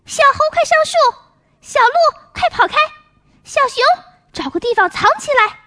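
A woman voicing a clever little squirrel in a children's story, with a high squeaky voice. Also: very animated, moderate pace, bright, forceful tone, exaggerated voice. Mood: bold.

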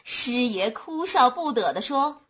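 A woman narrating a humorous folk tale in a lively, expressive storytelling manner, on a dull lo-fi recording. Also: on the high side, a little slow, husky.

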